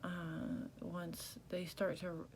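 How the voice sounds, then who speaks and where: A tired, congested woman vlogging casually and haltingly, with restricted jaw movement as if her mouth were banded shut and swollen. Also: fairly low pitch, completely flat delivery, slight background noise. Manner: slow, halting, subdued. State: sore, swollen mouth after jaw surgery. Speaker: video blogger. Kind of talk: casual recovery vlog.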